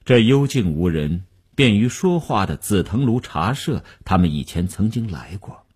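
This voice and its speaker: A man reads a radio story aloud as its storyteller. His voice is very deep and husky, and his delivery is slow and steady. His pitch moves in wide, expressive arcs. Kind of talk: scripted radio story narration.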